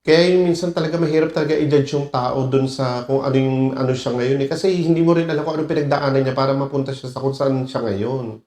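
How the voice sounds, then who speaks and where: Guy doing reaction commentary, gets emotional, echoey room, mid pitch voice. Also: steady tone, fast talker, darkish tone. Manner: emotional, mixing English phrases, laughs often. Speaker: reaction video host.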